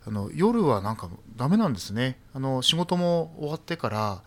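Brief: male guest, soft and halting, voice rises and falls a lot. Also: medium pitch, sing-song. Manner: halting, many fillers, soft-spoken with bursts of laughter. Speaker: poet and essayist guest. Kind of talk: casual talk-show conversation.

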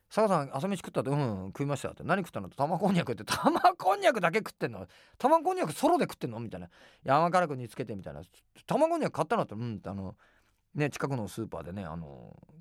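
A middle-aged man hosting a radio show, telling rambling casual anecdotes in rough, filler-heavy speech and acting out quoted dialogue. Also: no echo, studio quality. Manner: animated, acts out quoted dialogue with big pitch jumps. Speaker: radio host.

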